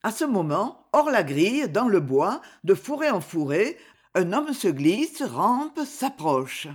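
A woman narrating a classic novel for an audiobook in an expressive, theatrical manner. She reads slowly and deliberately, her melody rising and falling with lively variety. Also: medium pitch, slightly rough.

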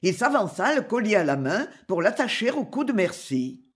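A narrator reading a classic novel aloud in a slow, expressive storytelling manner. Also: mid-range voice. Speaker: audiobook narrator. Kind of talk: scripted literary narration.

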